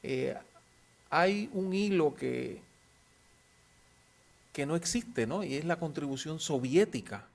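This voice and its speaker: A man's voice: a little high, lively intonation, slow, creaky, long pauses. A man, lecturing informally and answering questions in an anecdotal way, often seeking agreement with short tag questions.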